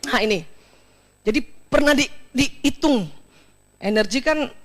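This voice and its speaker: A woman speaker at an Islamic study session, giving an expressive talk to women listeners, laughing often and speaking to them directly. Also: high voice, measured pace. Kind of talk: lively talk to an audience of women.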